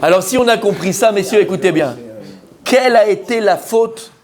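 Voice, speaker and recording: A man teaching a lively religious class to a room of men, asking questions and answering them himself, mixing Hebrew terms into his French. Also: sits high, moderate pace, crowd noise. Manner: acts out the story's characters, mixes Hebrew terms into French.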